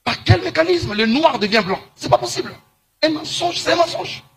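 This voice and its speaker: A man from Congo talks straight to his audience in a moralizing tone. His voice sits high for a man, and he slows right down on the lines he wants to drive home. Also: lively intonation, vocal fry, a bit bright, slight background noise. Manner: preachy, emphatic, slows to stress points. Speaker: commentator. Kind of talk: monologue to camera.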